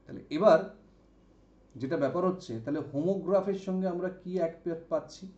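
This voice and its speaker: A man teaching an exam-prep English vocabulary lesson, explaining slowly, repeating example words and checking understanding with "okay?". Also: sits high, darkish tone. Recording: dull, echoey room sound.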